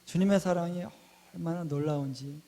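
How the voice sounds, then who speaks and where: A middle-aged pastor preaching in a mellow, warm voice. He tells his story in a lively way and drops to a hushed tone when he quotes prayers. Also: fairly high pitch, normal speed. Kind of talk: sermon with personal testimony.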